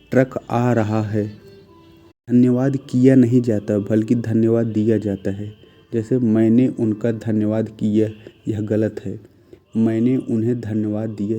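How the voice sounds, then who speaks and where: A man's voice: mid-range voice, dark tone. A man teaching Hindi grammar, reading each sentence and declaring it correct or incorrect, sometimes asking quiz-style questions and answering them himself. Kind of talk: spoken grammar lesson.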